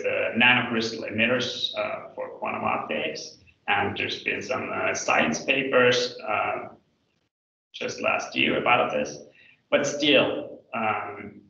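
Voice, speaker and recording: Male PhD candidate, halting and hedging thesis-defense delivery, bright forceful tone, dull distant video-call sound. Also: lowish voice, vocal fry, heavy reverb, a little hiss or hum. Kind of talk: academic slide presentation, explanatory. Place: indoor room, online video call.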